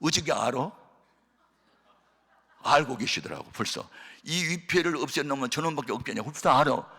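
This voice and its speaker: A man preaching as a pastor, telling a testimony sermon with dramatic storytelling, acting out voices and shouting at the peaks. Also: a little high, expressive, normal speed, husky. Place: church hall of a prayer retreat. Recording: reverberant large hall.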